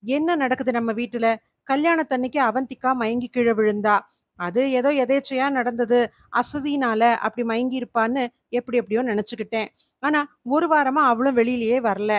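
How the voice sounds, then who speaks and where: A woman's voice: fairly high pitch, normal speed, no room sound, clean studio sound, natural voice. Frightened, confused housewife, read by a woman. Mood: fearful. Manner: confused, fearful.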